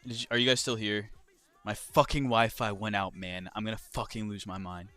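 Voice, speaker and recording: A man's voice: fairly low pitch, fairly even intonation, a little fast, pushed and bright, no room sound. A young man chatting casually on a livestream, swearing freely and reading out viewer questions as he goes. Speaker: livestreamer and crypto trader.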